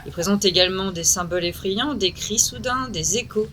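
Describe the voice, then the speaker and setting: A woman's voice: mid-range voice, fairly quick, fairly bright tone, slight background noise. A middle-aged woman hosting and narrating a video game review. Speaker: video host. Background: music.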